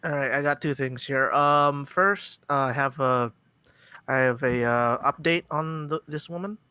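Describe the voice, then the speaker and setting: Smooth clear guy on a podcast, lots of ums, dry mic. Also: a little high, measured pace, bright, forceful tone, no room sound. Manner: hesitant, full of fillers. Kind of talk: casual chat.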